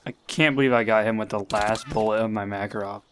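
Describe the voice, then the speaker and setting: A young man commenting live on his gameplay, talking to himself and getting excited. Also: lowish voice, fast, slight background noise. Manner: excitable, talks to himself, swears and laughs.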